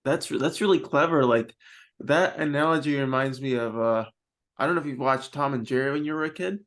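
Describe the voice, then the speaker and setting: Man, podcast host, friendly and hesitant, average pitch. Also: a bit bright. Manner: friendly, hesitant with filler pauses. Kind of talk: casual interview chat.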